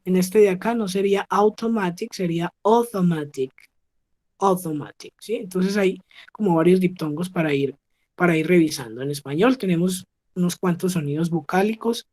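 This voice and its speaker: A woman's voice: on the low side, brisk, warm tone. Patient woman teaching on a video call. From Colombia. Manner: patient, checks understanding with frequent "¿sí?". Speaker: English teacher. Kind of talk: online class explaining pronunciation.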